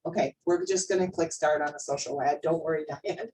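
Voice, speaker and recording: A woman leads an informal training session at work in a low, mellow voice, talking a little fast with fairly even intonation. She speaks conversationally and emphatically, checks in with the group through questions and repeats words to drive her points home. Her mic is distant, and faint background noise can be heard.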